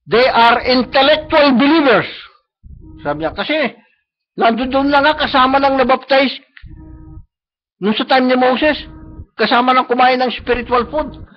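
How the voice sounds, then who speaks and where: A man with a Filipino accent preaching a sermon, often checking in with the congregation and slowing down to stress quoted lines. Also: very high voice. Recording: muffled live-stream recording.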